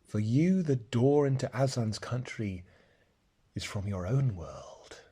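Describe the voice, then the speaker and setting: Man putting on a sweet soft little lamb voice, milky, slow and hushed. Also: medium pitch, lively intonation, slightly rough. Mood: gentle.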